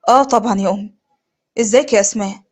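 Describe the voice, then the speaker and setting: امرأة تؤدي دور شاب مهذب وهادئ، بلهجة مصرية وصوت أوطى. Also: female voice, mid-range voice, very fast, husky, pitched below the performer's own voice, natural voice. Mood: gentle. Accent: Egyptian. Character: gentle polite young man, the groom.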